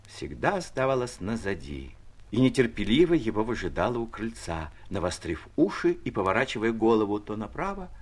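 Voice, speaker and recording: A man reading a classic story aloud in expressive scripted narration, sometimes dropping to a whisper. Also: fairly low pitch, breathy edge.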